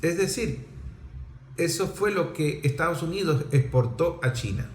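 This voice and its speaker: Fairly high-pitched and a little mellow, this Venezuelan-accented man speaks a bit slowly with lively intonation, explaining politics emphatically through repetition and rhetorical questions. There's slight background noise and a roomy, echoing sound.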